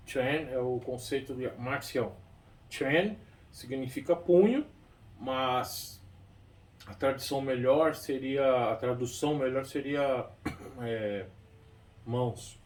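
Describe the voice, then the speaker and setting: A Brazilian Portuguese-accented man, a kung fu teacher, explains things at length in a medium-pitched, slow, slightly mellow voice. He rambles, restarts often, and keeps adding tag questions. The distant mic picks up faint background noise.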